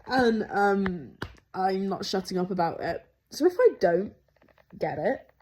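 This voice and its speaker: A young woman from England chatting excitedly in a casual video diary, rambling with lots of fillers and restarts. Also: mid-range voice, a little slow, noisy background. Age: young adult. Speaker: vlogger.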